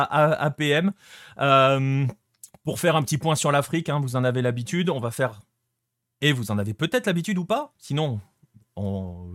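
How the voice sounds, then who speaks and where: A man's voice: a little high, a bit bright, no echo, studio quality. A man hosting a live-streamed show in a casual, chatty way, with frequent hesitations as he greets viewers in the chat. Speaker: host.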